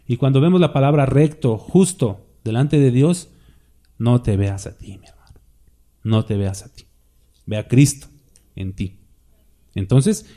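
A man's voice: mid-range voice, dark tone. A man preaching a sermon as pastor, asking rhetorical questions and closing with a spoken prayer.

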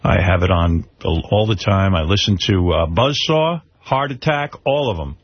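A middle-aged radio host talks in a low, husky voice, rambling and incredulous. The studio sound is dry and close, muffled like a broadcast feed. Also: male voice, animated, normal speed, no room sound. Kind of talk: shock-jock radio banter.

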